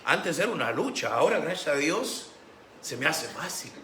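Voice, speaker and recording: A man preaching a Sunday sermon as pastor, animated, acting out the voices he quotes. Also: on the high side, normal speed. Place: church sanctuary. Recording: echoey church room with faint background noise.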